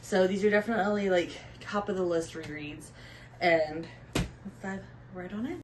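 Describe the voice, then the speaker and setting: A woman's voice: on the low side, normal speed, noisy background. Gushing young woman chatting about books. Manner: gushing, drops to soft whispers when emotional. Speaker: book vlogger. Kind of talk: casual book chat.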